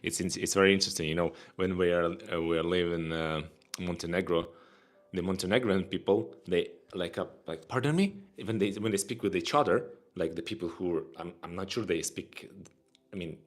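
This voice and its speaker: Talking fairly quickly in a deep voice, this co-host from Ukraine rambles through a relaxed livestream conversation with a Ukrainian accent. He repeats words as he gropes for how to say things.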